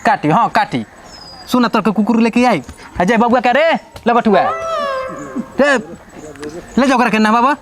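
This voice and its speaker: A woman with a Bhojpuri accent plays a mother-in-law who scolds and coaxes by turns. Her voice is fairly high, with faint outdoor noise behind it. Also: normal speed, long pauses. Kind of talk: scripted village comedy skit.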